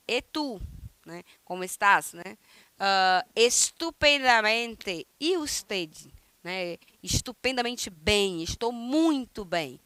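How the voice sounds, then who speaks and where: Bright, crisp Brazilian woman teaching Spanish. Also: fairly high pitch, no echo. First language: Portuguese. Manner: slow, emphatic modeling of phrases, then quick asides with frequent "né?" and "tá?". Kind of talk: recorded online language lesson.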